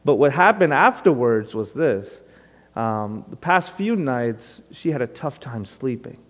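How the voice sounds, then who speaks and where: A man's voice: mid-range voice, sing-song, unhurried. Conversational man preaching in a reverberant hall. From Brooklyn, New York. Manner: conversational, self-deprecating, with frequent fillers. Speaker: guest pastor. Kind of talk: sermon.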